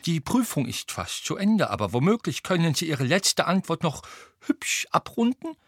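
A male audiobook narrator voicing a gentle, fussy, frail old wizard over 70 who soothes a shaken student. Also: a little high, very animated, moderate pace, husky, dry recording, studio quality, voice pushed up, heavily acted. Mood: kindly. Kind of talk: audiobook character voice.

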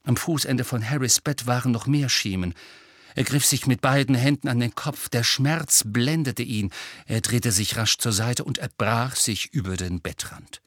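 A man reading an audiobook, with expressive, tension-building narration. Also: medium pitch, normal speed, no echo, studio quality.

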